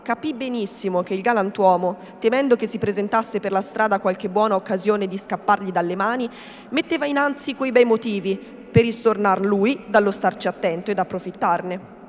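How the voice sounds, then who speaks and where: A woman reading a classic novel aloud in a measured, theatrical storytelling manner. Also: medium pitch. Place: reading event in a hall. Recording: long hall reverb, faint background noise.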